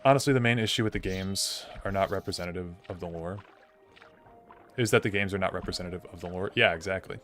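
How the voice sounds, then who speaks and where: A young gaming streamer with a low, somewhat bright voice talks fast over soft background music. Casual and thinking aloud, he fields chat questions with a steady stream of "like."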